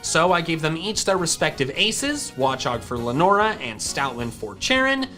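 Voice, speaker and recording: A woman's voice: low voice, very animated, normal speed, bright, forceful tone. A woman reading a scripted explainer narration for a video, with music behind her. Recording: music in the background.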